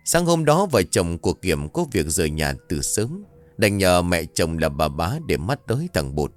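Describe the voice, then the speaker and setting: A man narrating a ghost story in a dramatic, expressive storytelling manner. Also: low voice, moderate pace, faint music behind.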